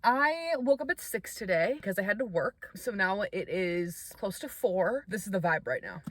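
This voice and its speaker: A young woman talking casually about books in a reading vlog, chatty and expressive, laughing often, sounding tired. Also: mid-range voice, normal speed. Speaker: book vlogger.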